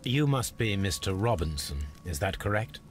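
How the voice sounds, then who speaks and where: An actor with a low, very animated male voice plays a composed detective in a video game, questioning witnesses politely and formally in a mood of calm inquiry. He speaks at normal speed, with a little hiss or hum.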